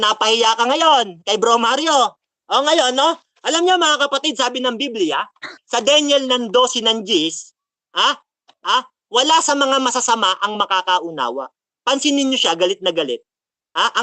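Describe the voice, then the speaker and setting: A man speaks in a high, piercing, bright voice, sharply mocking a debate opponent. He quotes Bible verses one after another and jeers between them. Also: no room sound. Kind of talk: heated post-debate rant.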